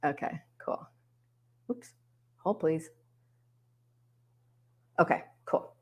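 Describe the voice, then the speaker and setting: Hosting a live online workshop from home over a webcam, a woman with a low, expressive, breathy voice speaks very slowly. She chats upbeat with viewers in the comments while yard work sounds drift in from outside.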